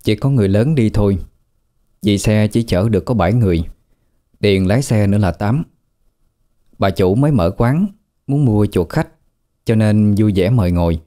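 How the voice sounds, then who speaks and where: A man narrating a ghost story in an unhurried, folksy way. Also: on the low side, expressive, warm tone. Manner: unhurried, conversational folksy telling.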